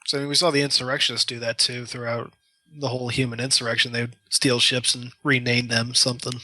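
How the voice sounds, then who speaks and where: A man's voice: medium pitch, flat delivery, quick pace, bright, forceful tone, no echo. A man co-hosting a podcast, chatting casually and hedging his points with many likes. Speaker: podcast co-host. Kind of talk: casual discussion.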